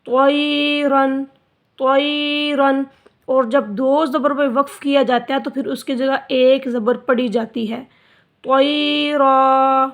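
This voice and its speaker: A woman teaching Quran recitation, spelling out letters and vowel marks, then drawing out each word slowly for the learner. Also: high voice, a bit bright. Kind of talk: slow spelled-out recitation lesson.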